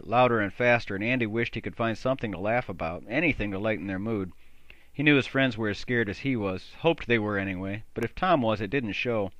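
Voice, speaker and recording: A man narrating an audiobook in a bright, forceful voice. The recording is dry and a bit dull, with no room sound. He pushes his pitch up and gets louder whenever a character speaks. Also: dry recording. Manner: raises pitch and volume for dialogue.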